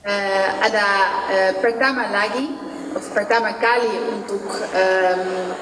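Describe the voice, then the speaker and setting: A woman from the Netherlands with a Dutch accent, a foreigner speaking hesitant, halting Indonesian as she gives a public speech. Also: medium pitch, fairly even intonation. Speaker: guest speaker from an embassy. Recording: echoey hall from far off, noisy.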